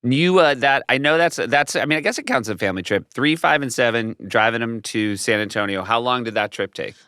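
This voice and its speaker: A man's voice: mid-range voice, brisk, pushed and bright, clean tone, no echo, studio quality. A man hosting a casual, conversational interview in a wry, joking manner. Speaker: interview host.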